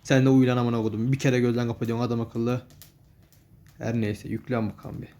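A man playing a horror game and commenting, swearing a lot, exasperated, sometimes turning to slow mock storytelling. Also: mid-range voice, flat delivery, warm tone. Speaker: gamer. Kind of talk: comedic horror gameplay commentary.

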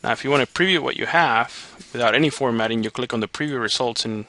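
A male instructor talks through a screencast tutorial step by step. His voice is mid-pitched and bright, with noticeable vocal fry. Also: quick pace, dry recording. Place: voice-over on a screen recording.

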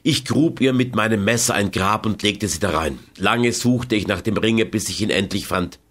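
A man narrating an audiobook in the first person, with measured, dramatic storytelling. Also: on the low side, fairly bright tone.

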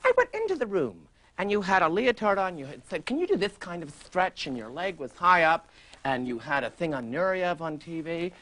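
A prissy, oblivious celebrity interviewer, gushing in a bright, sharp voice that swoops wildly from low murmurs to shrill squeals. A fussy, pompous middle-aged host on a TV talk show set. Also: male voice, big pitch swings, brisk, exaggerated voice. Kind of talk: improvised comic interview.

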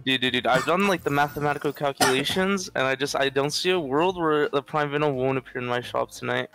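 An eighteen-year-old man giving quick in-game callouts and rambling through casual banter with teammates. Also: medium pitch, music in the background. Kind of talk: casual gaming chat with callouts.

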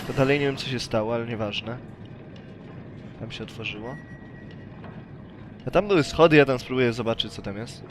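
A man's voice: medium pitch, moderate pace, pauses often, noisy background. A young man commentating a horror game, joking around and shrieking and pleading when scared. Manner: jokey, easily startled, shrieks and pleads. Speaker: gaming YouTuber.

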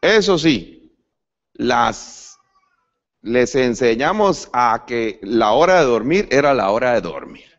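Male pastor, preaching, lively higher voice, dull lo-fi recording, restarts words often. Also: slow. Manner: preaching, addresses the congregation as brother; lively pitch swings, rising to sudden emphatic peaks. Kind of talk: sermon.

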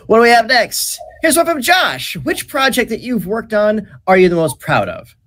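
A man's voice: sits high, very animated, moderate pace, fairly bright tone. A man hosting an online Q&A panel, upbeat, reading fan questions aloud with brief affirmations. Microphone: video call.

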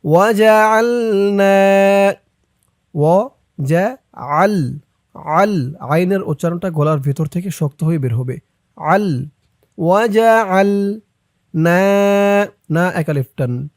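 A man teaching Quran reading, chanting verses slowly and then briskly explaining pronunciation, recorded close and dry. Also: on the high side, creaky, no echo. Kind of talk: recitation lesson, reciting then explaining.

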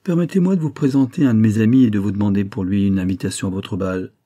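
A man's voice: fairly low pitch, fast talker, mellow, no echo, clean studio sound, natural voice. A man reading an audiobook, voicing an eager young officer who talks cheerfully to his grandmother.

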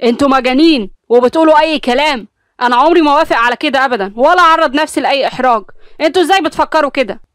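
A woman's voice: sits high, lively intonation, quick pace, no echo, studio quality, voice pushed up. A woman with an Egyptian accent voicing an irritated middle-aged father in an audio story. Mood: exasperated. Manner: exasperated, loud.

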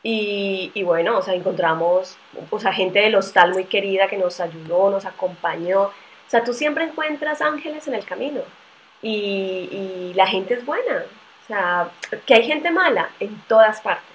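A woman's voice: mid-range voice, measured pace, a little hiss or hum, poor audio. A woman hosting a casual conversation, speaking in a reassuring way. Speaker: host.

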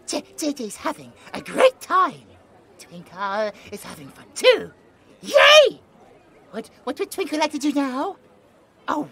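A British man performs an ASMR roleplay as a possessed young man with a childlike manner, speaking broken baby-talk about himself in the third person. His very high voice is gravelly and sharp, and the performance is heavily acted.

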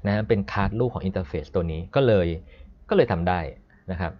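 A man teaching a live online programming class, chatty and explanatory, stopping to read code aloud slowly. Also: low-pitched. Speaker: programming instructor. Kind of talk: live-streamed coding lesson. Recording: dull lo-fi stream audio.

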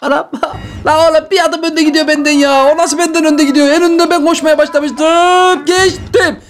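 A man hosting a gaming channel, giving excited, joking gameplay commentary straight to his viewers. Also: extremely high pitch, normal speed, slight background noise.

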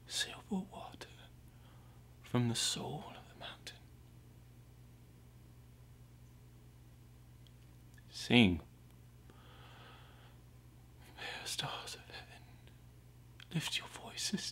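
A man performs a dramatic monologue as Merlin, mad and anguished, a ragged wild prophet living as an outcast. His exaggerated voice sits fairly low and moves very slowly, brooding, hushed, and pleading, swinging between breathy whispers and ringing theatrical cries. A little hiss or hum sits in the background.

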